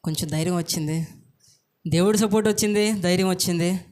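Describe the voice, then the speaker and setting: High-voiced earnest pastor. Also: male voice, quick pace, darkish tone. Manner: earnest storytelling, voicing the people in his story. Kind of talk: sermon testimony.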